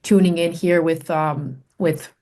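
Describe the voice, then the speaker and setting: Speaking as a guest researcher and author, a Finnish-native woman shares reflective stories conversationally, her low voice steady and darkish. She's thoughtful, often pausing and using fillers as she hunts for words.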